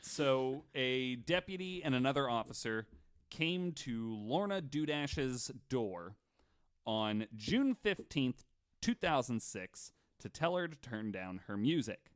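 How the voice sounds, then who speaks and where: Very animated yet slow and smooth, this medium-pitched male podcast host works through stories from his notes. The mood is jokey and conversational, full of banter.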